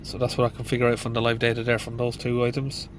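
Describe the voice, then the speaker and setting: Background noise surrounds a middle-aged man, a mechanic thinking aloud inside a van, who talks fast with a completely flat delivery at medium pitch. His voice is congested from hay fever. He speaks plainly with fillers as he casually walks through a diagnosis.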